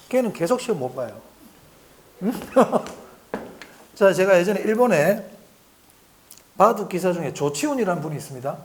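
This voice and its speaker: A middle-aged man teaching an exam-prep class in a high, animated voice that rises and falls a lot. He talks to his students conversationally, asking them questions and answering them himself, and he says the key points more than once. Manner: repeats key points for emphasis. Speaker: lecturer.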